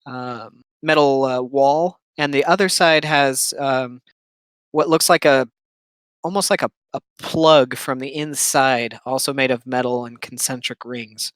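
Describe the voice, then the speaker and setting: A male game master describes the scene at an easy pace, pausing with little fillers. His voice is smooth and resonant. The sound is dry with no room around it. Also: mid-range voice, dry recording. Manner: relaxed, halting narration with many ums. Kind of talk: narrating a tabletop game.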